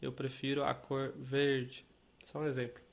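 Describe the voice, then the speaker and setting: Slow, deliberate male English teacher. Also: mid-range voice, monotone, creaky. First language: Portuguese. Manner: slow and deliberate, repeating and spelling out words for learners. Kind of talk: online language lesson.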